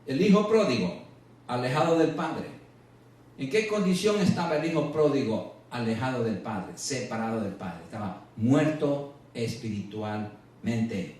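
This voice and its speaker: A male preacher giving a sermon, slowing and rising in pitch to stress scripture, then dropping low. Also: animated, darkish tone. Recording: echoey, distant church radio recording.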